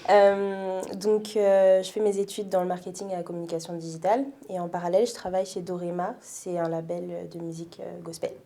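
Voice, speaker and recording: A French woman in her twenties tells her story as a guest in a casual interview, thoughtful, with frequent fillers and soft laughs. Her voice is on the low side and flat, and she talks fairly quickly with few pauses and some vocal fry.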